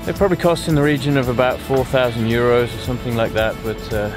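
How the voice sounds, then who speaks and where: A man's voice: medium pitch, fairly even intonation, quick pace, over music. A young man talking casually on a sailboat, joking and playfully competitive as he narrates a race. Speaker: sailing vlogger. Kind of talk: casual vlog commentary while sailing. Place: on a sailboat outdoors.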